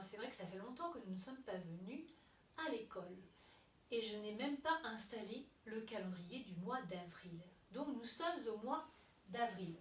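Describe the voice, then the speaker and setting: Singsong woman teacher, lively pitch, echoey room. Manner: gentle, singsong and encouraging, with a lively rising pitch. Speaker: preschool teacher. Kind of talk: remote class morning greeting and lesson. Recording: echoey room, distant mic, faint hiss.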